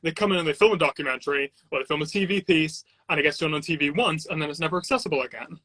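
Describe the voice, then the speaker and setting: Speaking as a guest on a video call, this Trinidad-raised sound engineer and videographer races through his story, filling it with fillers and restarts. His voice runs on the high side with a sharp tone. The recording is dry, first via Bluetooth headphones, then via the computer's mic.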